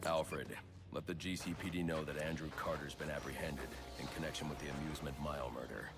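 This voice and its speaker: An actor voicing a grim, brooding masked vigilante detective in a video game, speaking in a gravelly, clipped way. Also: male voice, a bass voice, steady tone, fast. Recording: game audio under music.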